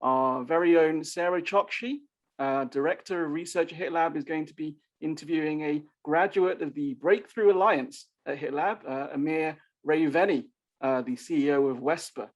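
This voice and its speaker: A man's voice: a little high, moderate pace. A man hosting an event, introducing the next segment with many hesitant fillers. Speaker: host.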